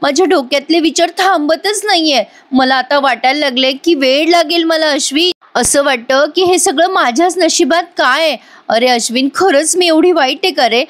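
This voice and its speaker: A woman's voice: sits high, normal speed, voice pushed up, close to an everyday voice. A woman voicing a manipulative young woman who begs theatrically through tears. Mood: weepy pleading. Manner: theatrical sobbing pleas.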